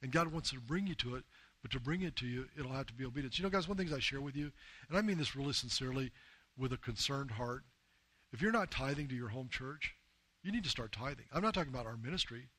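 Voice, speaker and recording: An earnest pastor preaching a sermon, mid-pitched and conversational, leaning on emphasis and small fillers. The recording is dry and close, with no room sound around his voice. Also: animated, fast talker, sharp tone, dry recording. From United States. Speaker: pastor and missionary leader. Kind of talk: sermon with personal storytelling.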